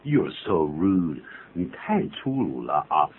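A low-pitched man teaches English phrases on a radio show, his voice swinging up and down as he jokes through examples. The sound is thin and phone-like, with a faint hiss underneath. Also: slow. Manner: jokey, animated, laughs at his own examples. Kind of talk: radio English lesson, chatty explaining.

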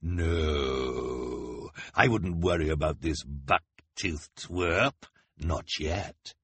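A man voicing a cruel, gloating male villain in an audiobook, with a drawn-out, sneering delivery. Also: rumbling low, fairly bright tone, husky, no room sound, pitched below the performer's own voice, full character voice. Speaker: audiobook reader. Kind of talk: audiobook character voice.

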